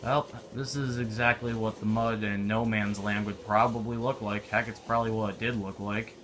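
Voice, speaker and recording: A man's voice: on the low side, flat delivery, moderate pace, a bit bright. A young man giving casual, offhand commentary while playing a war video game. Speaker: gameplay commentator. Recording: noisy game audio behind.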